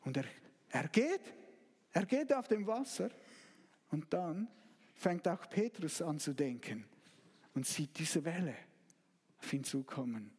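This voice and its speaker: A male pastor preaching a sermon that retells a story as a slow, dramatic narration, with sudden loud outbursts. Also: fairly high pitch, lively intonation, slightly rough, big-room sound.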